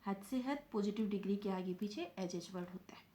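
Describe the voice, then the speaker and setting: A woman's voice: mid-range voice, fairly quick, dark tone. A woman teaching a grammar lesson, explaining step by step and answering her own questions.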